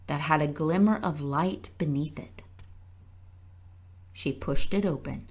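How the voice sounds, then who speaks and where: A woman reading a children's book aloud at a library storytime, gentle and measured. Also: low voice, slightly rough. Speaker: storytime reader.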